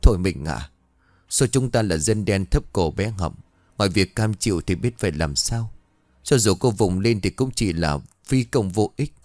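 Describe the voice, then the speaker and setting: A man's voice: lowish voice, animated, normal speed, darkish tone, no echo, close to an everyday voice. A man voicing a downtrodden peasant who laments his oppression with resignation. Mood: lamenting.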